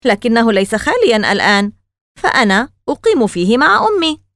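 A woman voicing a shy twelve-year-old boy next door who talks quickly, apologetic and a little wary, in a storybook. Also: a little high, big pitch swings, fairly bright tone, dry recording, clean studio sound.

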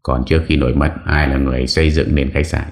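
A man voicing an earnest young husband who questions gently. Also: extremely low pitch, level tone, fast talker.

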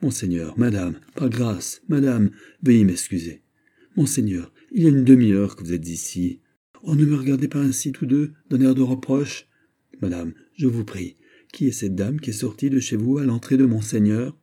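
An anxious, hurried secretary blurting out warnings, as a male reader pushes his voice up. The husky tone stays dark even as it climbs. An audiobook character reading. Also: medium pitch, voice pushed up. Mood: agitated. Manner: excited, urgent.

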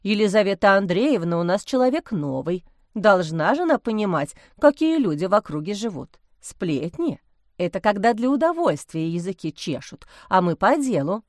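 A woman voicing a shrewd, motherly priest's wife who talks in a brisk, folksy, persuasive way. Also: mid-range voice, big pitch swings, no echo, clean studio sound, lightly acted. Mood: sly.

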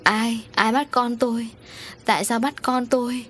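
A woman's voice: fairly high pitch, steady tone, a little slow, slight background noise, voice pushed up, natural voice. A woman voicing a distraught young mother who pleads and wails for her missing child in a storybook reading. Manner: wailing, pleading. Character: grieving young mother, frantic over a lost child.

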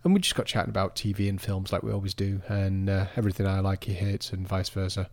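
Low-voiced and a little mellow, this podcast co-host talks quickly with a flat delivery, and there's no echo. His casual chat rambles, and he keeps cutting himself off to start his sentences over.

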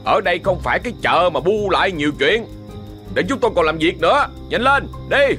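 A man's voice: high voice, lively intonation, brisk, sharp tone, faint music behind, voice pushed up. A man with a Southern Vietnamese accent playing an impatient village official curtly ordering a crowd home.

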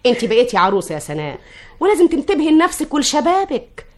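Scolding insistently as a domineering widowed mother, this Egyptian-accented actress performs in a vintage radio drama. She speaks quickly in a high voice that swings widely in pitch.

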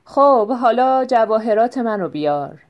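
A woman's voice: on the high side, muffled recording, natural voice. A woman playing a clever, scheming husband. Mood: loud, scheming. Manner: loud and emphatic, staging talk for eavesdroppers. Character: clever scheming husband, middle-aged man.

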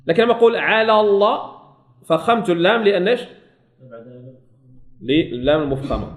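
Male recitation teacher, Moroccan accent, slow repeated demonstrations, fairly high voice. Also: sing-song, reverberant. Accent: Moroccan Arabic. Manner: slowly drawn-out demonstrations, repeating words. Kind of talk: teaching lesson.

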